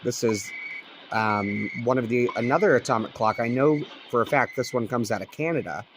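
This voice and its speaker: Speaking at a moderate pace with a medium-pitched voice, a Colorado man offers relaxed vlog commentary about his shortwave radio hobby. He's indoors at a home on rural property, recording on a cell phone, and the background is noisy.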